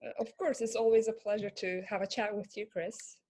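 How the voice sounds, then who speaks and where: A Turkish woman who works as both a pharmacist and a career coach talks through a casual interview, pausing thoughtfully, using plenty of fillers and often restarting her sentences. Her voice is mid-range, steady and dark in tone.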